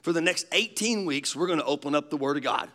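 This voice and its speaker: A man's voice: fairly high pitch, quick pace, bright, forceful tone. A man, preaching a sermon in a folksy storytelling way. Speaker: pastor.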